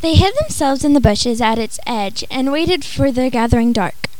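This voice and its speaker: A woman's voice: high voice, lively intonation, moderate pace, darkish tone, slight background noise, low-quality recording. A woman reading scripted storybook narration.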